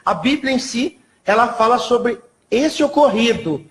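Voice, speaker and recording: Soft-spoken historian man, fairly high voice. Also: animated, a little slow. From São Paulo, Brazil. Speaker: guest historian. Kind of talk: TV interview guest. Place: TV studio.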